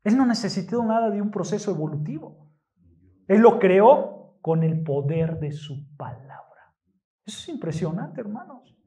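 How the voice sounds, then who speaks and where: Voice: mid-range voice, very animated, moderate pace, dark tone. A preacher delivering a sermon to a congregation, stressing key words and asking rhetorical questions. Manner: emphatic, rhetorical questions, addresses congregation often. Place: church.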